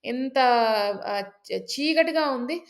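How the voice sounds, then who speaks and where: A woman's voice: high-pitched, animated, slow pace, full character voice. A woman doing a foolish, earnest village man.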